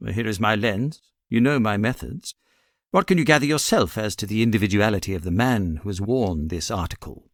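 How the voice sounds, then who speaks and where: Man playing lively, self-assured Sherlock Holmes, British. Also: fairly low pitch, a little fast, no echo, clean studio sound. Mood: challenging. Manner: precise, expository, theatrical. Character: brilliant, self-assured Victorian gentleman detective, amused and precise. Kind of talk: audiobook character reading.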